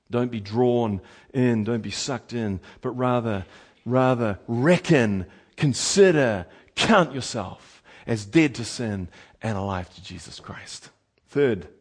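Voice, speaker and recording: A man preaching a sermon with passion, moving from loud exhortation to hushed tones. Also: mid-range voice.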